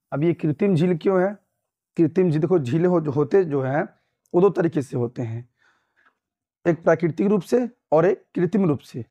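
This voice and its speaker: A man's voice: on the high side, dark tone, dull audio. A young man from Uttar Pradesh teaching an exam-prep lesson, repeating points and quizzing listeners with tag questions. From Uttar Pradesh, India.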